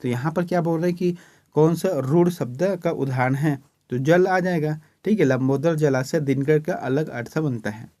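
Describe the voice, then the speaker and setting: A male teacher from Chhattisgarh, India, works through exam questions step by step in an exam-prep lesson, often checking in with "okay" ("ठीक है"). His voice is fairly high and mellow, at a normal speed, recorded in studio quality with no echo.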